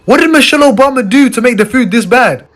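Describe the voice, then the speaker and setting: A man's voice: very high-pitched, lively intonation, fast. A man vlogging casually, joking and incredulous about what he was served. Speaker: video creator. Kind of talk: casual vlog reaction.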